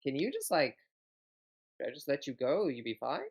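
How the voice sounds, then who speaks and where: A person in casual tabletop role-play talk who rambles through a scene description, stacking fillers and half-finished phrases. The voice sits at a middling pitch. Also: very animated, normal speed. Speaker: tabletop game player narrating a scene.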